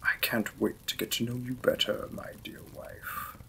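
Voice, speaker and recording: Whispering in a level, mid-range voice with vocal fry, a man voices a Victorian vampire lord as a courteous new husband in a romance audio roleplay, formal, gentle and apologetic. He speaks unhurriedly with tender, affectionate feeling, though the recording is low quality.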